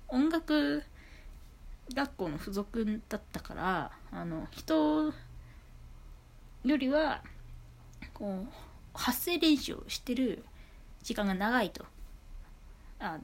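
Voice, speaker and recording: Chatty woman with a high, carrying voice. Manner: chatty, rambling, many fillers and asides. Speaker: podcast host. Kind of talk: casual solo podcast talk. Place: at home. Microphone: iPhone on a low table.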